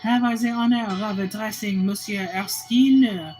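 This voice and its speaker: A woman reading the lines of an elderly French gentleman with a slight French accent, formal and courteous. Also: medium pitch, fairly even intonation, a little slow, soft background music, close to an everyday voice.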